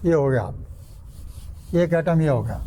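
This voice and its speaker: Older male teacher, slightly high, mellow voice. Quizzes the class and spells out patterns syllable by syllable. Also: expressive, a little hiss or hum, low-quality recording. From India. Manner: asks the class questions and drills word patterns syllable by syllable. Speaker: Arabic grammar teacher. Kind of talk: classroom lecture. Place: mosque classroom.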